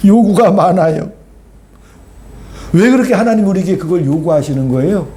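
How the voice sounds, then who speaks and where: A man's voice: high voice, mellow. A pastor preaching a sermon to his congregation, emphatic and checking in with them through rhetorical questions.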